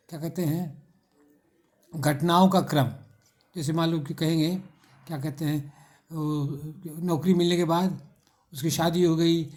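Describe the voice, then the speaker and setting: A middle-aged male teacher, explaining an English textbook exercise and patiently spelling words out letter by letter. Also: a little high.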